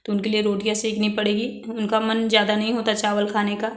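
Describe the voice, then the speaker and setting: A woman's voice: mid-range voice, monotone, quick pace. Chatty Indian woman in an echoey kitchen. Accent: Indian Hindi. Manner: chatty, explains while doing housework. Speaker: vlogger. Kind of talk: casual vlog chat with viewers. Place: home kitchen.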